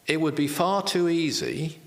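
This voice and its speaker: A man's voice: on the high side, lively intonation, measured pace, vocal fry, long reverb tail. A man, a spiritual teacher and author, explaining in an earnest interview style, repeating key phrases with self-deprecating asides.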